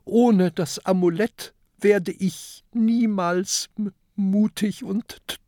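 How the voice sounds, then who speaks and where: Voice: mid-range voice, steady tone, slow pace, dark tone, no room sound, studio quality, pitched above the performer's own voice, close to an everyday voice. Narrator voicing a stuttering little pirate boy. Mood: sobbing. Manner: stutters on first sounds. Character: small anxious boy pirate who stutters.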